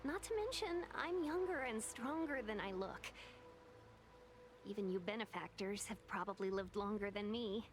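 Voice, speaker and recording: An actress playing a polite, gently confident female envoy in a video game, with a courteous, composed delivery. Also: mid-range voice, lively intonation, normal speed, a little hiss or hum, close to an everyday voice. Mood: polite, assured. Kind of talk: scripted video game dialogue.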